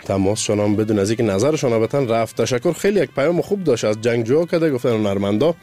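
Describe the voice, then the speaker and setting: A man's voice: medium pitch, animated, warm tone, faint music behind. A man hosting a radio call-in show, effusive and affectionate toward callers. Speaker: radio host.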